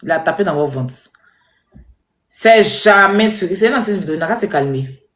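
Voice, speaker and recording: A woman giving animated, scolding commentary straight to her viewers. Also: lowish voice, moderate pace. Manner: animated, scolding, repetitive, addresses viewers directly. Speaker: social media commentator. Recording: echoey room.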